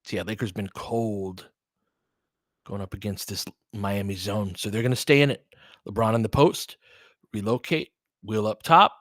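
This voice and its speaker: Giving live, conversational basketball analysis for a fan stream he hosts, an American play-by-play commentator often speaks in clipped bursts. His voice sits on the low side, fairly bright at a moderate pace, recorded studio-clean with no room sound.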